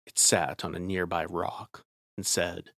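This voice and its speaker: A man's voice: deep voice, flat delivery, unhurried, creaky, fairly bright tone, no echo, clean studio sound. A man narrating a first-person horror story in a tense, scripted way.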